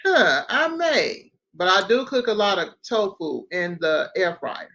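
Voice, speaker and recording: A woman's voice: mid-range voice, sing-song, a little slow, fairly bright tone. A woman hosting a casual livestream over a video call, chatty, running through lists of things at an easy pace. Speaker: host. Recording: dull lo-fi stream audio.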